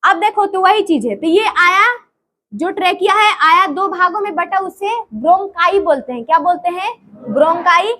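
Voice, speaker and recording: High-voiced woman teacher, repetitive classroom quizzing. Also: lively intonation, normal speed, bright, forceful tone. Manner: repeats terms and quizzes the class. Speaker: drawing teacher. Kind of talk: classroom drawing lesson.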